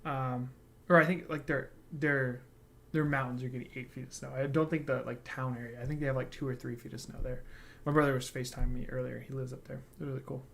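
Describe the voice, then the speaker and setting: A man's voice: medium pitch, flat delivery, fast talker, gravelly, a bit bright. A man co-hosting a casual reaction livestream, chatty and joking as he reads viewer comments aloud. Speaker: reaction channel co-host.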